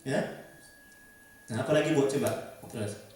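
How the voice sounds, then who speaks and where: A man preaching and counseling a small congregation in a gentle, repetitive way, often asking his listeners questions. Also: mid-range voice, moderate pace. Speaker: Islamic preacher leading a ruqyah session. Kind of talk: religious counseling talk to a congregation. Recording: echoey room, distant mic, faint music.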